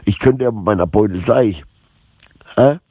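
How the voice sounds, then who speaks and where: In a dull lo-fi recording, a middle-aged man talks at normal speed in a lowish, mellow, husky voice. His monologue is informal, rambling and repetitive, with slangy language.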